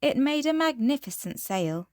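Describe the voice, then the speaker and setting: A woman reading a children's storybook aloud in an expressive, measured fairy tale opening manner. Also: sits high, no room sound, clean studio sound.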